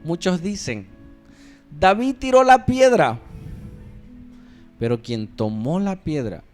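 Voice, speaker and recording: A man's voice: high-pitched, lively intonation, takes it slowly, darkish tone, faint music behind. A man preaching a sermon in church, acting out scenes dramatically and calling for amens. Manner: dramatic storytelling, acts out scenes and asks the congregation for amens.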